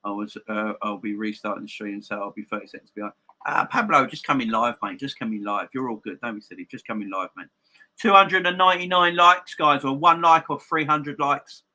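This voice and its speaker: A man with a very bright, forceful voice and a slight gap-toothed lisp chats to viewers as a football stream host. He is emphatic and often repeats a phrase to drive it home. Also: mid-range voice, brisk. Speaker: football fan channel live stream host. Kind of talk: casual live-stream chat and football opinion, addressing viewers.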